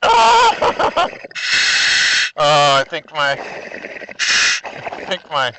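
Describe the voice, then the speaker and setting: A fairly high-voiced man narrates a dive through a full face dive mask underwater. He talks casually and slips into squealing, high exclamations. The mask recording has a clear hiss and rush of noise behind him. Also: wildly swooping pitch, extremely slow. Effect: talking through a full face dive mask underwater. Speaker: scuba diver and vlogger. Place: underwater in a shallow kelp bay. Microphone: mic inside a full face dive mask.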